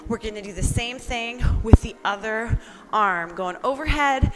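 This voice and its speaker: A woman's voice: fairly high pitch, animated, a little slow, loud music behind the voice. A woman leading a workout as instructor, encouraging and counting down cues while exercising along. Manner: exerting herself while talking, exercising along.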